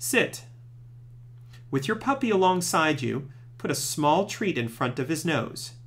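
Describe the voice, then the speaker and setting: A man presenting scripted training tips, giving clear step-by-step instructions as a narrator. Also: fairly high pitch, lively intonation, normal speed, fairly bright tone.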